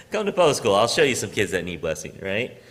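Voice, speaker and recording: This preacher and high school teacher has a lowish, sing-song voice with a fairly bright tone, speaking a little fast as his sermon fills the large church hall. Casual and self-mocking, he keeps adding "right?" and chuckling at his own expense.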